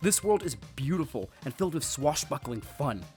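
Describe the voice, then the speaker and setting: A man's voice: on the high side, big pitch swings, moderate pace, a little mellow. A man narrating a scripted game review with sarcastic, jokey asides, over faint background music.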